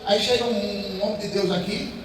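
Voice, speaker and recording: A man's voice: high voice, steady tone, normal speed. A man, preaching a sermon as pastor, emphatic and full of repeated rhetorical questions. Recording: echoey hall, distant mic, faint noise.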